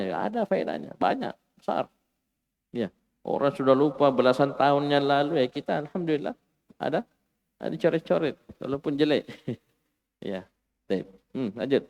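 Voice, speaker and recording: Animated male Arabic teacher, echoing room. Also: a little high. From Indonesia. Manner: lively, animated, acts out exclamations. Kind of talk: classroom grammar lesson.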